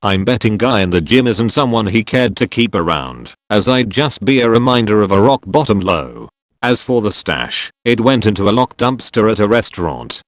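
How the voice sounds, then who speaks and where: A man narrating gym stories from online posts in a steady, matter-of-fact reading voice. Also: on the low side, no echo. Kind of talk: scripted narration.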